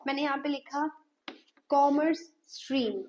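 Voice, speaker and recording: A woman's voice: high voice, measured pace, darkish tone. A woman teaching an English grammar lesson, asking her class questions and repeating sounds patiently. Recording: dull lo-fi sound.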